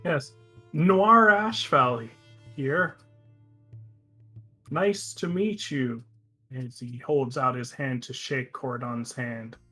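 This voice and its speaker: A man's voice: medium pitch, takes it slowly, long pauses, pushed and bright, soft background music. A man casually narrating his character's moves in a tabletop role-playing game.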